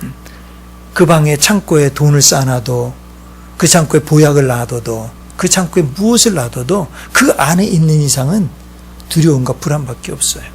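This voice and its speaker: A man preaching a sermon as pastor, swinging between loud exclaiming and hushed whispering. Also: fairly high pitch, expressive, normal speed, vocal fry, slight background noise.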